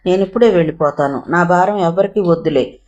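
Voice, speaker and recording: Lady reading as a tearful young wife, low voice, bickering and pleading. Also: brisk, a little mellow, muffled recording, close to an everyday voice. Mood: upset. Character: young distressed runaway wife, sharp-tongued.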